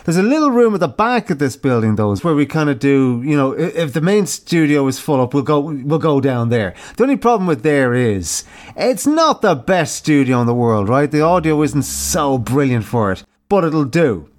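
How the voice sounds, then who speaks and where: A man's voice: on the high side, very animated, normal speed. A man co-hosting a presenter training podcast, chatting casually and swearing in jest. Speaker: podcast co-host. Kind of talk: casual chat. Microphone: studio microphone.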